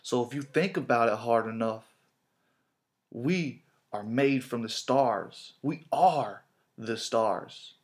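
This man, a vlogger, speaks slowly in a mid-range voice. He offers a casual, slangy motivational talk to camera, repeating himself often in his phrasing.

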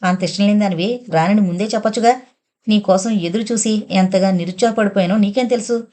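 Woman narrator reading an affectionate young rich man, mellow low-key delivery, audiobook novel. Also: fairly quick, natural voice. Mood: hurt sulking. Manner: affectionate, coaxing. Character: young wealthy man, tender lover.

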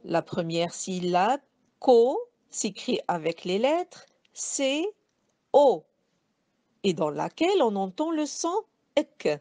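A woman teaching a remote spelling lesson to young pupils, spelling out words slowly syllable by syllable and letter by letter, addressing them gently. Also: medium pitch, sing-song, no echo. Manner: slow, careful syllable-by-syllable spelling aloud. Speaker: primary school teacher. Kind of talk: distance-learning spelling lesson.

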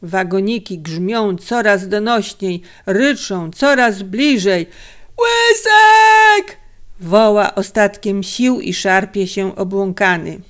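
A woman reads a story aloud at an unhurried pace, shaping each sentence dramatically. Her pitch sits in a middle range, and she takes her time between phrases. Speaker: audiobook narrator. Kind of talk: scripted narration.

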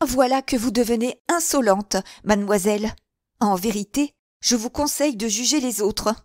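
A proud, jealous society lady, voiced by a woman reading a novel aloud, her lines pitched high and loud with indignation. She sounds scornful and wounded, and her words cut. The recording is close and dry. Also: moderate pace, no room sound, natural voice. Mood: indignant, scornful. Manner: shrill, indignant outbursts. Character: haughty jealous wealthy lady, proud and bitter.

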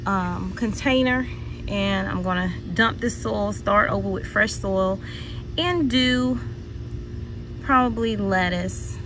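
A woman films her backyard garden on a phone, talking at an unhurried pace with chatty, exclamatory asides to viewers. Music plays clearly behind her outdoors. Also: mid-range voice, low-quality recording. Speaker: home gardener vlogger. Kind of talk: casual garden walk-through.

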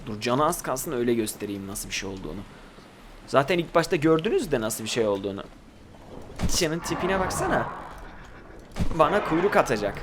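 Brief: male gaming host, slightly raised pitch, loose chatty commentary that talks back at the game, loud game audio underneath. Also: a little hiss or hum. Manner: chatty, talks to viewers and to the game creatures, swears when startled. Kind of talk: casual gameplay commentary.

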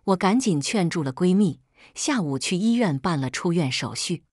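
Husky woman narrating a story. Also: on the low side, no room sound, clean studio sound. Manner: calm, measured storytelling. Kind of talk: scripted first-person narration.

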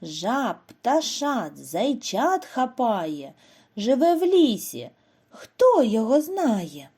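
A Ukrainian woman teacher giving a scripted lesson to young children, in a slow, clear, sing-song way. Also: fairly high pitch, sing-song, mellow. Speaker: primary school teacher.

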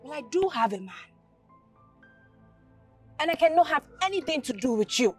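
A woman's voice: high voice, big pitch swings, soft background music. An actress with a Nigerian English accent playing an angry, proud young woman who turns down a suitor in a film drama. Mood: annoyed, firm. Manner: indignant, rapid questioning.

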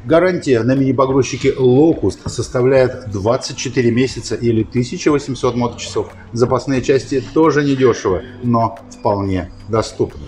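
A man's voice: medium pitch, normal speed, hardly any pauses, darkish tone, slight background noise, close to an everyday voice. An actor playing a folksy, fatherly chief doctor with old-fashioned, patronizing bedside patter in a comic ad sketch. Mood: reassuring, avuncular. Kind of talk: scripted comic advertising sketch.

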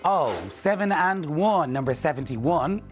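A man's voice: fairly high pitch, lively intonation, unhurried. A man in his forties working as a bingo caller on a TV game show, calling numbers in a rhythmic, repeating presenter's delivery. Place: indoor TV studio. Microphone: lapel mic. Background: music.

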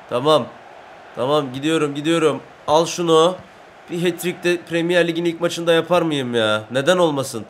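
High-voiced man commentating gameplay loudly. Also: a little hiss or hum. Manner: loud bursts of shouting and trash talk at the game. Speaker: gaming YouTuber. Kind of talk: excited Let's Play commentary.

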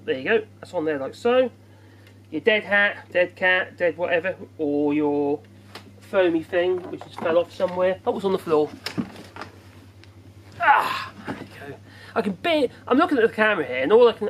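A man's voice: sits high, a bit bright, slight background noise. A man, casually unboxing and chatting to camera outdoors in a rambling, jokey, self-deprecating way. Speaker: gadget reviewer. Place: outdoors in bright sun.

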